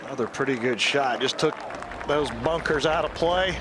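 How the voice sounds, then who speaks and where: A man's voice: a little high, moderate pace. A man giving casual live golf commentary as an analyst. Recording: noisy outdoor course with crowd.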